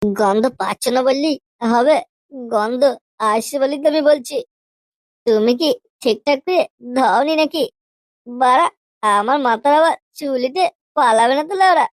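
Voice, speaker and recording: A woman's voice: high-pitched, moderate pace, pauses often, no room sound, natural voice. A woman voicing a crude, pushy young boyfriend in a comedy cartoon, using coarse slang and a wheedling, teasing manner.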